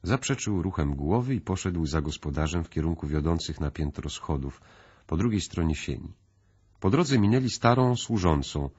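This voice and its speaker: A man reading an audiobook as narrator, steady and even. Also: low voice, moderate pace, husky, highs cut off. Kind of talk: scripted narration.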